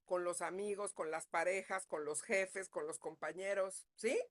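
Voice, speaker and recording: A woman's voice: on the low side, fairly even intonation, unhurried. Woman, psychologist, parenting class, conversational, keeps checking in with listeners. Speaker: psychologist leading a parenting talk. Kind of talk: live online parenting class.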